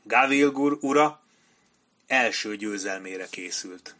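A male audiobook narrator reading a war story. His delivery is measured and dramatic, lifting for battle scenes and dropping low for grim moments. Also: pushed and bright. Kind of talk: scripted narration.

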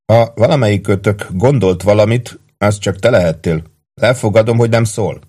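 A man's voice: fairly low pitch, mellow, slightly rough, pitched above the performer's own voice. A man reading an audiobook, voicing a young male soldier who teases his friend. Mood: teasing. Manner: mocking, teasing.

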